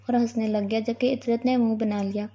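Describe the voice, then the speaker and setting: A woman narrating a romantic novel in a steady, scripted reading, on a dull lo-fi recording. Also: on the high side.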